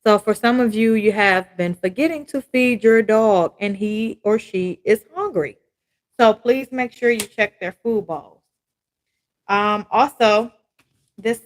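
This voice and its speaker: A woman talks through an oracle card reading in a relaxed, rambling way. She often tags her lines with a questioning "right?" and repeats points with small stumbles. Her voice sits at an ordinary, middle pitch for a woman. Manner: chatty, ends many phrases with "right?"; loose, repetitive phrasing with fillers and restarts. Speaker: tarot and oracle card reader. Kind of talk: casual spoken card reading to viewers.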